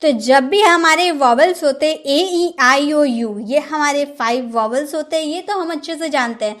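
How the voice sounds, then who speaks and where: A high-pitched woman leads an English pronunciation lesson. She repeats each word in drills and keeps asking the viewer questions. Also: normal speed, a bit bright. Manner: drills words, asks the viewer rhetorical questions. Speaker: English teacher.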